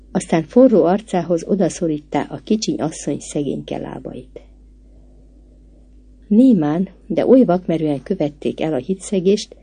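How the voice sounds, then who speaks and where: A woman narrates classic literary prose in a measured, expressive audiobook style. Her voice is dark and mellow with a husky, breathy edge, set somewhat low.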